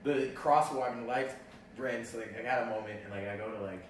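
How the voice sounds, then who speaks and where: A young man telling a story in casual chat, animated and full of "like", acting out his own reactions. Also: mid-range voice, a little fast. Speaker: actor telling a story on a livestream. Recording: echoey, distant mic, faint noise.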